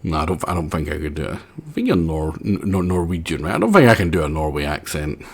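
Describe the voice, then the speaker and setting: A man's voice: a bass voice, expressive, fast, slightly rough. A Scottish man talking over a game on a live stream, rambling and making fun of himself, close on the mic. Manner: rambling, self-mocking jokes. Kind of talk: live gameplay commentary.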